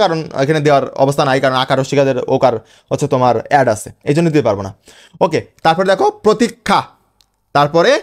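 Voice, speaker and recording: A man teaching a lesson, spelling words out sound by sound and often checking that students follow. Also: fairly high pitch. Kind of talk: classroom lecture.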